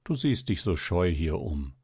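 A devoted young lover in a storybook, speaking low, hushed and earnest, with a deep, mellow tone, as a male narrator voices him. The sound is dry and close. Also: very animated, measured pace, breathy edge, dry recording, heavily acted. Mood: tender. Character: devoted young man, gentle and ardent suitor.

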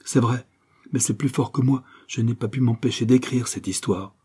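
Passionate young writer guy, read by a man, eager, emphatic, dark husky voice. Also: mid-range voice, normal speed, voice pushed up.

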